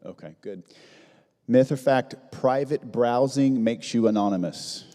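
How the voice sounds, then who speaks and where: A man moderating a seminar, putting quick quiz questions with a light, joking manner. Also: medium pitch, dark tone. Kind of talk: casual seminar hosting. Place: seminar hall. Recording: echoey hall.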